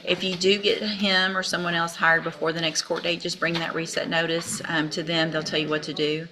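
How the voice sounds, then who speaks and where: A woman's voice: on the low side, little pitch movement, brisk. A woman judge in a courtroom, firmly and methodically instructing defendants on procedure. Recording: hissy courtroom recording.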